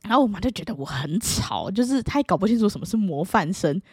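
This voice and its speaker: Young woman, chatty vlog storyteller with a very lively pitch, dry close sound. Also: quick pace, husky, dry recording. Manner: animated, playful, bursts into high excited exclamations. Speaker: vlogger. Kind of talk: casual storytelling to camera.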